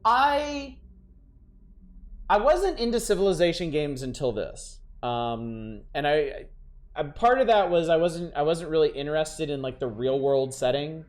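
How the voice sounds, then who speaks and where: A man streaming a video game, thinking aloud in a casual, wry way. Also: fairly high pitch. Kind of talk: casual gameplay commentary. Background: faint game music.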